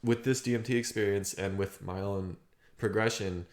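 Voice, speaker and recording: A man talking through his feelings in a rambling, halting, reflective monologue, clearing his throat often and swearing casually. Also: fairly low pitch, steady tone, darkish tone, roomy sound. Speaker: vlogger. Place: outdoors on a property.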